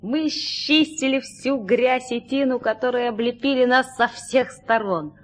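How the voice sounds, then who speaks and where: A woman narrating a story in a lively, expressive reading style. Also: on the high side, a little slow.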